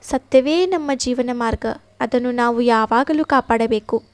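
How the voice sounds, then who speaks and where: A woman reading a calm, truthful mother cow. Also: fairly high pitch, a little slow, dry recording, lightly acted.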